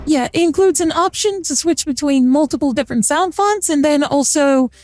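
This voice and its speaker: Streamer, high feminine voice from a voice changer, dry and close, chatty, rambling with fillers. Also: moderate pace, a little mellow, no room sound. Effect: voice changer making the voice sound feminine. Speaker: VTuber streamer. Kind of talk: casual gameplay chat.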